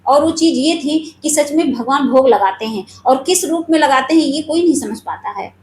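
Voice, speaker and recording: A woman with a high voice tells a personal spiritual story in an earnest, confiding manner. She speaks straight to her viewers. The room has a clear echo and a faint ambient hum behind her. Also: moderate pace, darkish tone.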